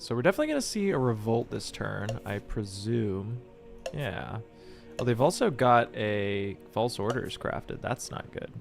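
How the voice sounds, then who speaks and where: A man hosting a live stream of a board game, commentating as he plays and bursting into shouts and laughter. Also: lowish voice, vocal fry. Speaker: streamer and channel host.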